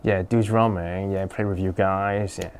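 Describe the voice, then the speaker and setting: A musician and teacher speaking casually in an interview, repeating short affirmations between phrases. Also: male voice, low voice, steady tone, measured pace, slight background noise. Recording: crowd chatter behind.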